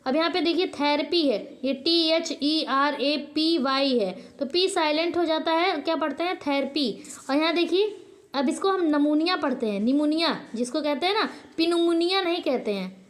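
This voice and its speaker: A woman with a high, light voice explains a lesson to her channel's viewers. She drills each point by posing a question and answering it at once. She often pauses and corrects herself mid-word. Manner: frequent hesitations and self-corrections. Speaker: teacher; channel host.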